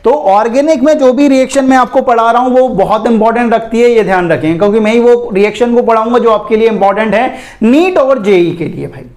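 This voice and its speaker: Here the Indian chemistry teacher's voice is very high-pitched and darkish, moving a little fast with few pauses. Lecturing chattily for exam prep, he calls his students "beta" and "bhai" and keeps repeating "theek hai" and "ye dhyan rakhen."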